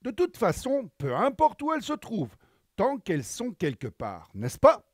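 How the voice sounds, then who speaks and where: A man's voice: sits high, huge pitch swings, moderate pace, no echo, clean studio sound, pitched above the performer's own voice, full character voice. A man voicing a sly storybook mother who talks sweetly and with mock innocence to her daughter. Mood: mock-innocent.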